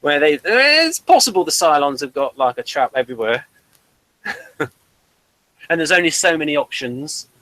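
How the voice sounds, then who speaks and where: A man hosts a casual review chat in a fairly high voice, wandering through long explanations and dropping dry jokes. He is recorded close and dry, with no room sound. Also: very animated, moderate pace, long pauses, sharp tone, no echo, low-quality recording. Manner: chatty and digressive, explaining at length; dry humour, chuckles between points. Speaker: host reviewing a TV series.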